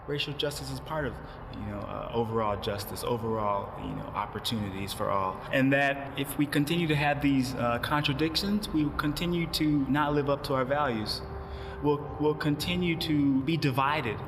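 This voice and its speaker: A man's voice: medium pitch, normal speed, in a large hall, background noise. A man explaining research findings in a documentary interview, speaking with fillers and repeated words. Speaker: policy researcher.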